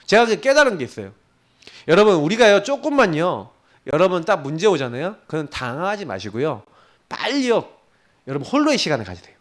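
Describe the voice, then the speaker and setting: A male pastor preaching a sermon in an animated way, sometimes dropping into a hushed prayer voice. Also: high-pitched, brisk.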